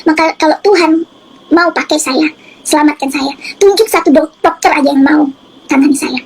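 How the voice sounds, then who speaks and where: A woman telling her personal faith testimony in an earnest, halting way, with many fillers and restarts. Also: sits high, gravelly, a little mellow, poor audio. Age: adult. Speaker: testimony giver.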